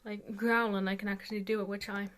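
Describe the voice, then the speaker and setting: A woman's voice: medium pitch, little pitch movement, quick pace. A woman giving a casual, rambling tutorial as an amateur vocalist, hesitant and self-deprecating, saying "like" very often.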